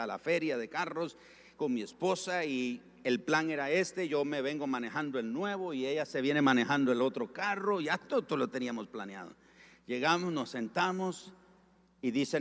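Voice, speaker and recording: A male pastor preaching a storytelling sermon, acting out the dialogue and slowing down for emphasis. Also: medium pitch, gravelly. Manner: animated, acts out dialogue, slows for emphasis. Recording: long reverb of a large hall.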